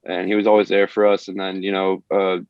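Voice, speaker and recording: Low creaky young man, halting speech. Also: completely flat delivery, no room sound. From Maine, USA. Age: young adult. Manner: hesitant, many fillers and restarts. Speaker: college baseball player, interviewee. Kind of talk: casual interview answers. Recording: dull lo-fi audio.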